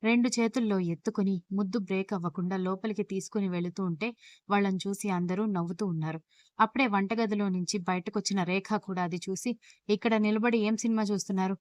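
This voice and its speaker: A woman storyteller reading a scripted audio love story aloud at a steady pace. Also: medium pitch, quick pace, no echo, studio quality.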